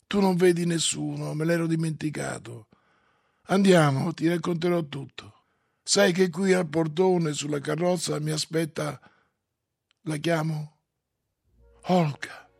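A man voicing Stolz, an earnest man pleading insistently with his old friend, in a gravelly, husky voice. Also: on the high side, fairly even intonation, unhurried, long pauses, darkish tone, dry recording, studio quality. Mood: urging.

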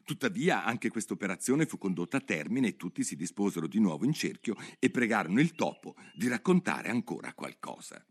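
A man narrating a storybook in an expressive, measured way. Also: lowish voice, slightly rough. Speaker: audiobook narrator.

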